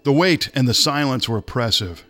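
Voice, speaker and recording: A man reading a nonfiction story aloud in a measured, dramatic way. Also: medium pitch, lively intonation, bright, forceful tone, soft background music. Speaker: narrator. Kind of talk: scripted nonfiction narration.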